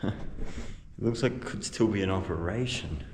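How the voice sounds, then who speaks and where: Young swearing Aussie travel vlogger. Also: male voice, fairly low pitch, measured pace, a little mellow. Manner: casual, swears a lot, jokey. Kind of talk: casual vlog narration. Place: exploring historic buildings and a cave, partly indoors. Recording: noisy handheld travel recording.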